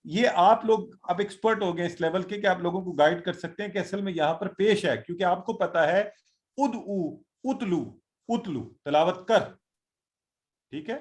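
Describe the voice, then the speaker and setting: Over a video call, a man teaches an online Quran and Arabic class, encouraging his students and drilling them by slowly repeating Arabic words. He has a high voice.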